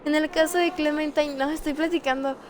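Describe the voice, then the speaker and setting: A woman's voice: high voice, fairly even intonation, a little fast, a little hiss or hum. A woman chatting casually and emotionally while streaming a game. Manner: emotional, rambling, laughing often. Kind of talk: casual gameplay chat.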